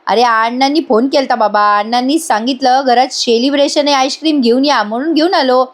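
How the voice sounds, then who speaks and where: A woman's voice: high-pitched, brisk, natural voice. A woman voicing a teasing rustic sidekick. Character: playful rustic young man, a joking sidekick.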